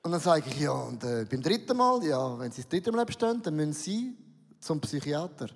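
A middle-aged pastor with a Swiss German accent tells a funny, self-mocking story in a sermon, acting out the dialogue. His voice sits high for a man. The long reverb of a large hall carries every word. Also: very animated, a little fast, vocal fry.

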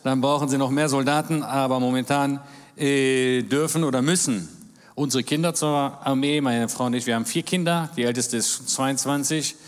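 A man's voice: mid-range voice, fairly even intonation, normal speed. A man in his forties, born in Germany, giving a church talk as a guest speaker in a jovial manner with jokes and amens. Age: 40s. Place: large church hall. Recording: reverberant church hall.

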